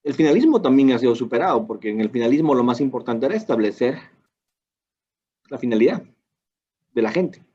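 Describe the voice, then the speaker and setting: Peruvian male law lecturer, husky, talks through rhetorical questions and casual asides; dull, lo-fi sound. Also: medium pitch, lively intonation, fairly quick, pauses often, warm tone. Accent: Peruvian Spanish. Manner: asks and answers his own rhetorical questions; colloquial asides.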